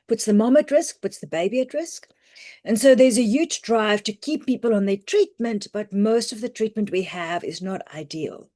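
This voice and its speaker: Hoarse woman doctor teaching online. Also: medium pitch, moderate pace, mellow. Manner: practical, reassuring, loose and conversational with many "um"s. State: hoarse, croaky voice with coughing. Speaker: family physician presenting a webinar. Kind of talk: online medical teaching talk. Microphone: computer mic on a video call.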